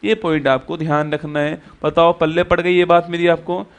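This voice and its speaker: Male coaching teacher with a high voice, repetitive, quizzing style. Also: little pitch movement, normal speed, clear, resonant tone. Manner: repetitive, quizzes students with rhetorical questions. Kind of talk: exam-prep classroom lecture.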